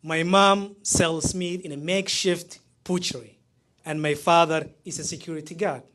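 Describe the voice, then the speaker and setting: With a fairly high, steady and fairly bright voice, a man in his thirties from Somalia gives a heartfelt, prepared graduation speech in his Somali accent. His delivery is measured, with pauses separating his phrases.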